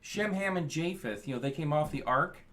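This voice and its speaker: A man's voice: on the high side, expressive, brisk, fairly bright tone. A man taking part in a casual Bible study, chatting and adding his own comments. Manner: chatty, interjects and adds comments. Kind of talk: casual discussion.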